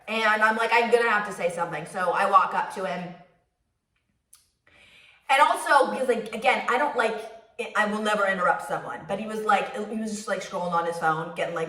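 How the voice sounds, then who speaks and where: A woman hosting a podcast, telling a story in a fast, profane, self-mocking ramble. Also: a little high, bright, forceful tone, recorded from a distance. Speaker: podcast host. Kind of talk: casual storytelling monologue. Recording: echoey room, off the mic.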